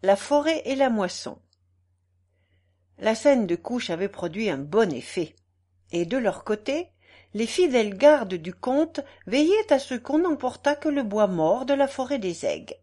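A woman narrating a classic novel aloud as an audiobook, in an expressive, measured reading. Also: on the high side.

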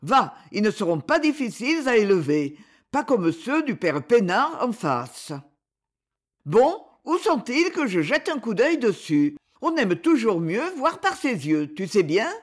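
A woman's voice: a little high, sing-song, unhurried. A woman voicing a chatty, effusive motherly woman.

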